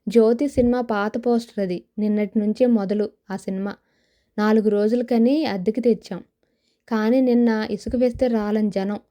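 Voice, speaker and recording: A woman's voice: fairly high pitch, steady tone, moderate pace, dark tone, close to an everyday voice. A woman voicing a chatty man who works for a cinema and talks up its films, in an audio novel. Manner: chatty, enthusiastic about films. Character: chatty grown man, cinema worker on a scooter.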